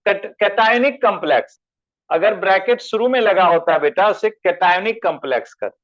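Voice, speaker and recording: Male chemistry tutor, high-pitched, quizzes his class, muffled lo-fi recording. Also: animated, normal speed, fairly bright tone. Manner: addresses students as beta, asks them questions. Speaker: chemistry teacher. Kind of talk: online class lecture.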